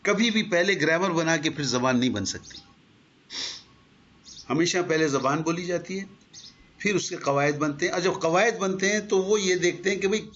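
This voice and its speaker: A man's voice: on the high side, a bit bright. Man teaching a grammar lecture. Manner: explanatory, asks rhetorical questions. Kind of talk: lecture to a class. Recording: dull lo-fi recording.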